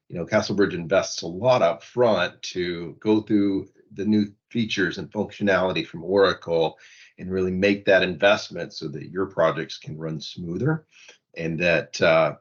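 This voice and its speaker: A man introducing his consulting firm on a webinar, halting, with fillers and repeated words. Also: low voice, highs cut off. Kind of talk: casual business webinar talk.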